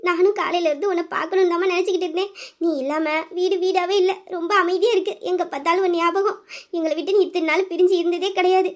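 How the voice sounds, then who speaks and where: A woman's voice: very high-pitched, fairly even intonation, fast talker. A woman voicing a loving middle-aged mother who speaks in a heartfelt, homely way about her married daughter.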